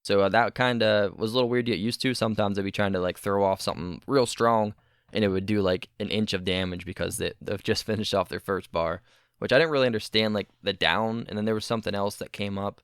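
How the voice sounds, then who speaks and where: A man talks quickly in a low, gravelly voice that still sounds smooth and clear. He co-hosts a casual gaming podcast, rambling and correcting himself as he goes. The mic sound is dry and close. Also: steady tone, dry recording. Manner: rambling, self-correcting, laughs often. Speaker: podcast co-host.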